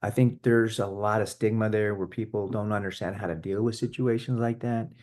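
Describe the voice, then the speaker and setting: An earnest man with a fairly low voice talks in a relaxed, conversational way. He keeps circling back and restarting his sentences as he tells a story. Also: fairly quick. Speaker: podcast co-host. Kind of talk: casual conversation.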